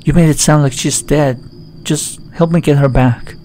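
A man's voice: fairly high pitch, steady tone, normal speed, a little mellow, faint music behind, lightly acted. A man voicing a curt, impatient young man searching for his kidnapped sister in a horror game.

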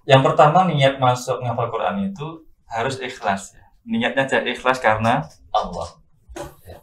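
Male Quran teacher, mid pitch, calm explainer, distant roomy sound. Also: moderate pace. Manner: calm explanatory, adds "ya" tags. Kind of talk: casual interview.

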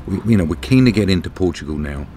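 At a campsite, a middle-aged man from Britain chats to camera for a travel vlog in a deep, mellow voice that is expressive and fast. The camera is held at arm's length, and background noise is present in the outdoor audio.

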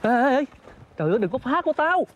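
An actor playing a fussy, high-voiced photographer. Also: male voice, big pitch swings, fast talker, faint music behind. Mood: scolding. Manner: coaxing, scolding, exclaims often. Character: kindly, fussy male photographer, grown man. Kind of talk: reformed opera spoken dialogue.

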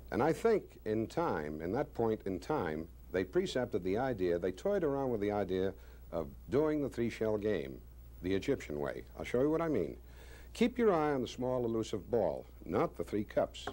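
A man in his sixties, a magician presenting a demonstration with deliberate, showman-like, wryly self-praising patter. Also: fairly low pitch, dark tone. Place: small indoor studio stage with curtain. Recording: faint background noise.

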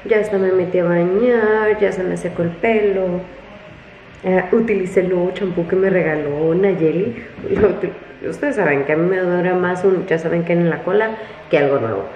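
A young woman talking casually in a home vlog, chatty and animated, cooing at her pets. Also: on the low side, normal speed, echoey room, phone-quality sound, slight background noise. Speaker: family vlogger.

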